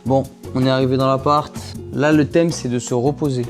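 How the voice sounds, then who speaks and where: A young man vlogs in loose street slang. His voice sits in a middling male pitch, and he repeats his phrases in a teasing, chatty way over clearly audible music. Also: fairly even intonation, fairly quick. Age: young adult. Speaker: vlogger, amateur athlete and coach. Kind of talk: casual vlog chat. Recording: music behind the voice.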